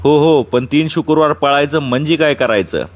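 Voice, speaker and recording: A man's voice: a little high, normal speed, pitched above the performer's own voice, natural voice. A man doing a sensible younger villager. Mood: insistent. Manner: raised, insistent questioning.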